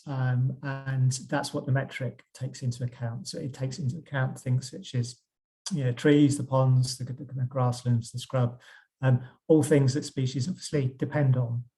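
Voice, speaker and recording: A man losing his voice, hoarsely and hesitantly explaining policy over a video call. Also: medium pitch, steady tone, normal speed, mellow. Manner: hesitant, repeats words. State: losing his voice, clearing throat. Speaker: government policy expert.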